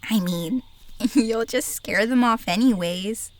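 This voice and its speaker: A woman's voice: on the high side, slow pace, a little hiss or hum. A woman playing a proud, easily spooked young adventurer in an audio drama, brash, theatrical and defensive. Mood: teasing.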